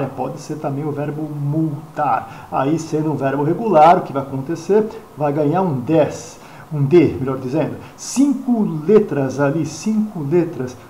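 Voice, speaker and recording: A Brazilian man with a fairly high voice teaches English pronunciation in a chatty way, often asking his listeners questions. He repeats each example word. The sound is echoey, as if recorded in a bare room. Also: a little mellow. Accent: Brazilian Portuguese. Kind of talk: screen-recorded pronunciation lesson.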